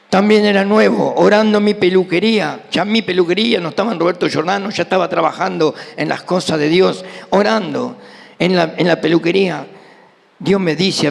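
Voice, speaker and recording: A middle-aged Argentine man preaches a testimony-driven sermon, voicing the people in his stories. His voice sits high and is heavily gravelly with fry. It rings out with a long hall reverb from the church. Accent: Argentine Rioplatense Spanish. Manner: animated storyteller, acting out dialogue.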